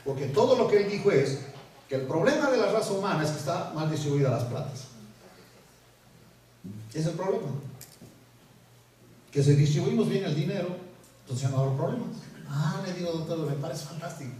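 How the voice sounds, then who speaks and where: A man preaching in a church, heard from some distance in a very echoey hall. His pitch sits a bit high, and he tells stories with animated humor. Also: a little fast, pauses often, a little hiss or hum. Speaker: pastor. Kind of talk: sermon.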